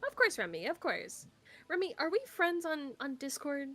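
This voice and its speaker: A woman's voice: high-pitched, sing-song, normal speed, a bit bright. A woman voice actor co-hosting a game stream, chatting in a bubbly and playful way. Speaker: co-host and voice actor. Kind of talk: casual chat on a game stream.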